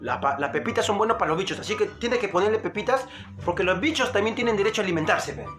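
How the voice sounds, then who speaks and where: A man's voice: high-pitched, animated, quick pace, music in the background. A man with a Peruvian accent hosting a playful, jokey mock cooking show from his home kitchen. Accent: Peruvian Spanish. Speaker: comedic vlogger.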